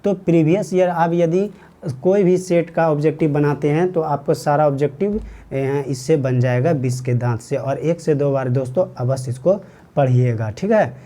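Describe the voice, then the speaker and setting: Mellow-voiced Bihari teacher, quizzing himself. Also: male voice, fairly high pitch, moderate pace. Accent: Bihari Hindi. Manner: repetitive questioning, answers his own questions. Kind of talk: exam-prep lesson explaining a story.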